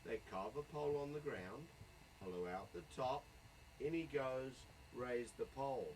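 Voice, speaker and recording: A man's voice: medium pitch, normal speed, a little mellow. A man giving a joking, playful running commentary as a tour guide on a moving bus. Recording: distant voice with road noise.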